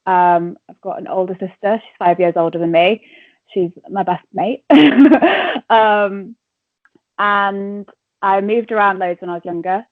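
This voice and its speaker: A woman in her twenties from Wales, with a southern English accent and a mid-range voice, chats unhurriedly as a radio reporter being interviewed. She's informal and giggly, saying "like" a lot. The audio is thin and narrow like a phone call, without echo.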